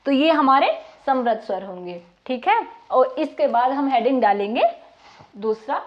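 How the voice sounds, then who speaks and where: A woman teacher giving a slow, dictation-style lesson, repeating each word for note-taking and asking her pupils questions. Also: high voice, lively intonation. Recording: muffled lo-fi recording.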